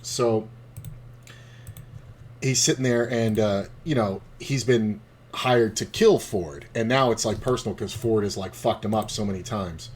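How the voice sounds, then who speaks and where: A man's voice: lowish voice, measured pace, slight background noise. A man streaming online poker, chatting casually with a rambling, profane, laid-back storytelling manner. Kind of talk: casual commentary while playing online poker.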